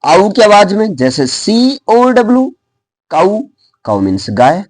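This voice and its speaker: A man's voice: high voice, big pitch swings, a little mellow, no room sound. A man with an Indian accent teaching English pronunciation, spelling words out letter by letter and checking in with his class. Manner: spells words out slowly letter by letter, then says them. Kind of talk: lively classroom explanation.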